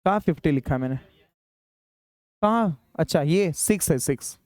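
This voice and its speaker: Guy teaching engineering class, high smooth voice, dry sound, keeps telling students to hurry. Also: animated, darkish tone, no echo. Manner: urges students to hurry, dictates formulas slowly. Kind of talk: classroom lecture solving problems.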